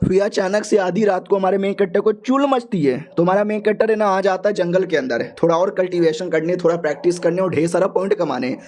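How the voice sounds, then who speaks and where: Chatty high-voiced male recap narrator. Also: darkish tone. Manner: chatty, slangy, joking. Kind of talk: casual storytelling recap.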